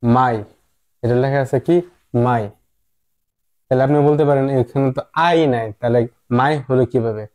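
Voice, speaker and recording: A man, an English teacher giving a slow phonics lesson, repeating words and asking rhetorical questions. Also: mid-range voice, fairly even intonation, darkish tone.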